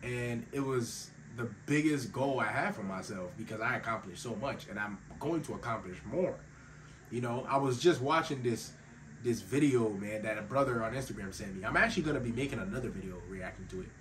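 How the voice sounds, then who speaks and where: A man's voice: medium pitch, brisk, a bit bright. A young man with a slightly sick voice giving an earnest, emphatic motivational talk, calling his listeners bro and fellas. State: voice a little sick. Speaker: faith-based self-improvement YouTuber. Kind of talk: casual motivational talk to camera. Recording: slightly distant mic with faint ambient noise.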